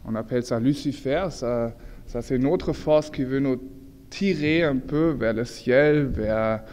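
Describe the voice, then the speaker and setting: A man with a German accent, a native German speaker, gives an informal illustrated lecture in French, halting as he searches for words and corrects himself. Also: mid-range voice, a little mellow. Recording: echoey hall with long reverb, background noise.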